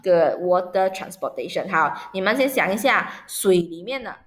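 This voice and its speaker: A woman's voice: on the low side, expressive, normal speed. A woman teacher running an online vocabulary lesson for children. She spells words out letter by letter and patiently checks that her pupils understand.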